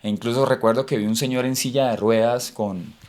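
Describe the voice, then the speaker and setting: As an interview guest, this middle-aged Cúcuta native tells his faith testimony in a Cúcuta accent, reflective and hesitant, with plenty of fillers. His mid-range voice is a little mellow and moves at a brisk pace.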